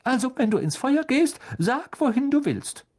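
Storybook mother witch, high and fussing, husky edge, played by a man. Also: very animated, moderate pace, darkish tone, full character voice. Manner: high fluttering worried coaxing. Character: warm fussing motherly witch, middle-aged.

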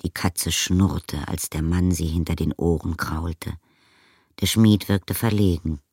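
Brief: male audiobook narrator, low and gravelly, unhurried, dry close recording. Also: fairly even intonation, darkish tone, no room sound. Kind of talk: scripted narration.

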